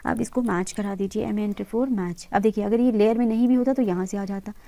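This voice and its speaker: Patient woman teaching software, mellow voice. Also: mid-range voice, fairly even intonation, quick pace. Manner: patient, talks viewers through each step, mixing English terms into her talk. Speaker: interior design instructor. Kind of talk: screen-recorded software tutorial.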